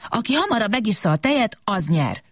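A clever young boy in a storybook who is quickly bored, as a woman reads him. His lines have a lively, animated pitch. The sound is dry and close. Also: no room sound. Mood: curious.

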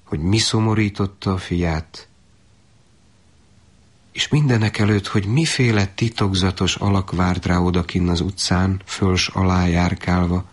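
A man reading a literary story aloud in a measured, solemn way. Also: low voice, steady tone. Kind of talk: literary narration.

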